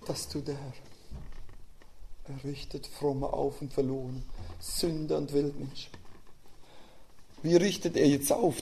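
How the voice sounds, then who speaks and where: A middle-aged man preaching a sermon, telling personal stories and swinging between quiet asides and loud, emphatic outbursts. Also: mid-range voice.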